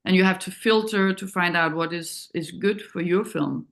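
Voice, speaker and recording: A Danish woman with a Danish accent, interviewed as a documentary director, reflects hesitantly and thoughtfully, often searching for words. Her pitch is fairly low, her pace moderate, and her voice has a creaky quality.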